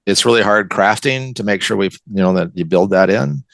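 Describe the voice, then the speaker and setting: An older American novelist and college teacher from the West Coast gives enthusiastic, reflective answers as an interview guest. His voice is fairly low, brisk, gravelly and a bit bright, with no echo.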